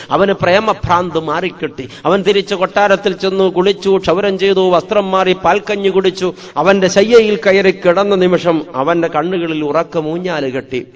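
A man, a priest, preaching a sermon as a vivid, dramatic story with emphatic repetition. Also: high-pitched.

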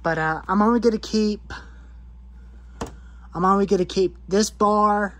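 A woman's voice: mid-range voice, fairly even intonation, a little slow, a little hiss or hum. A woman in her twenties, rambling about saw parts, repeating herself and listing items in a cluttered garage. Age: 20s. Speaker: chainsaw hobbyist vlogger. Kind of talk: rambling show-and-tell in a workshop.

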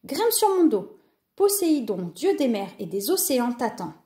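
A woman's voice: fairly high pitch, big pitch swings, normal speed, mellow, roomy sound. A woman voicing a cheerful, playful dolphin in a storybook, friendly and laughing.

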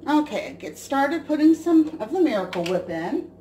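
A woman's voice: high-pitched, sing-song, moderate pace, noisy background. A woman in her forties casually explaining a recipe step by step while cooking in her home kitchen, recorded on the camera mic. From US Midwest. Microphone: camera mic at counter.

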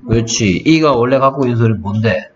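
A man's voice: medium pitch, expressive, brisk, noisy background. A man tutoring English phonics one-on-one, quizzing his student on letter sounds. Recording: dull lo-fi audio with music.

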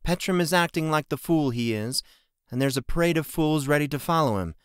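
A brisk, commanding innkeeper woman, as a male narrator puts her on in an audiobook. She scolds in firm, raised tones above his usual voice. Dry, close recording. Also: fairly high pitch, animated, smooth, no room sound, pitched above the performer's own voice, lightly acted. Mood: scolding.

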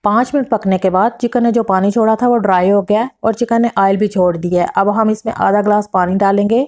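Woman, cooking-channel host voicing over a recipe, methodical step-by-step delivery. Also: medium pitch. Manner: steady step-by-step instructions with measured quantities.

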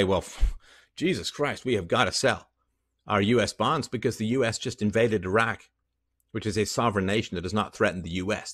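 A man in his fifties delivering an angry, sarcastic, profane solo rant on a headset mic in a small room. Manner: angry, sarcastic, profane, swings from low mutters to loud outbursts. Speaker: podcast host. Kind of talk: impassioned solo rant to camera. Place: small indoor room with plain wall.

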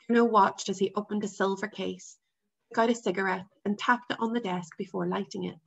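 A woman teacher reading a novel aloud to her class, with expressive storytelling, in a dull lo-fi recording. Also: medium pitch, a little fast, creaky, breathy edge.

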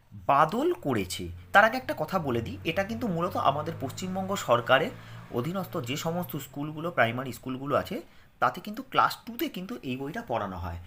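A man teaches a reading lesson to young children. His voice moves up and down a lot as he reads each line slowly and clearly, then hurries through his explanations. The tone is bright and clear. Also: fairly high pitch.

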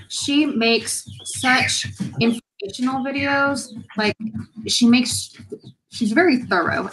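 A woman in her twenties speaking as a guest over a video call from home, hesitant and halting. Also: a little high, pushed and bright, slight background noise, poor audio. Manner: hesitant, halting, with small laughs. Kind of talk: casual video call chat. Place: room at home, indoors. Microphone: webcam on a video call.

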